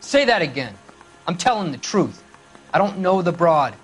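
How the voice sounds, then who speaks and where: A man's voice: high-pitched, sing-song, moderate pace, slightly rough, soft background music, heavily acted, poor audio. A man playing a cornered suspect in a video game interrogation, defiant and defensive, with an American accent. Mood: cornered, insistent. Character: cornered male car-thief suspect, defiant, sullen, cracking under pressure.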